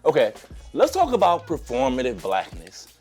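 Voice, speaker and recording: A man's voice: medium pitch, huge pitch swings, normal speed, a little mellow, faint music behind. A sarcastic man hosting his own commentary video, ranting at viewers while losing his voice to a cold. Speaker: commentary YouTuber. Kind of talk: opinionated video essay.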